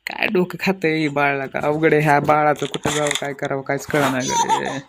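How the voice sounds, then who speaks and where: A young man giving excitable, crude, comic gameplay commentary, scolding and yelling at the game. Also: a little high, fairly quick, heavy background noise.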